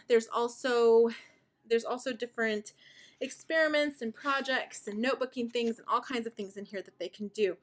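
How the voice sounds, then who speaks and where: A woman in her thirties, a homeschooling mother, explaining her curriculum in a chatty, enthusiastic way while out of breath and sighing. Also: fairly high pitch. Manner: chatty and warmly enthusiastic, with fillers. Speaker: homeschooling mother and video host. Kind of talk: casual show-and-tell explanation.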